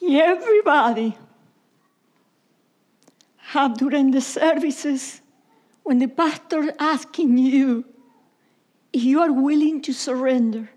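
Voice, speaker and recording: At a church service, a high-pitched woman with a darkish tone preaches a sermon. She is an Argentine pastor with an Argentine accent whose mother tongue is Italian, speaking halting, repetitive English that sometimes drops to a whisper.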